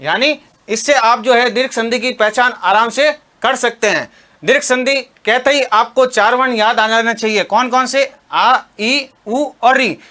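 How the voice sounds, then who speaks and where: A man's voice: very high voice, moderate pace, bright, forceful tone. A young male teacher giving an exam-prep lesson on Sanskrit grammar. He keeps asking the students questions and then answers them himself. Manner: calls the listeners students and friends.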